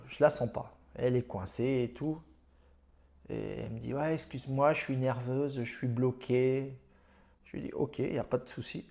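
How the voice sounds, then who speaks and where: A man's voice: medium pitch, gravelly. A man giving dating advice in a casual monologue, telling his own stories in a boastful, slangy and emphatic way.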